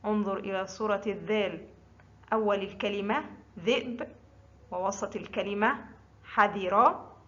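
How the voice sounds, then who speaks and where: A woman teaching Arabic letter sounds, drawing out each syllable slowly and deliberately for learners. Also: medium pitch, fairly bright tone. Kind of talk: slow scripted letter-pronunciation lesson. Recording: dull lo-fi audio.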